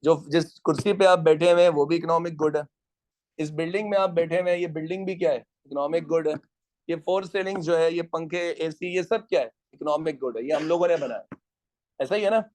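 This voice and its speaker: High-voiced man lecturing a class. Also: a little fast, darkish tone. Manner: teasing asides to latecomers, quizzing students. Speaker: economics teacher. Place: classroom with students.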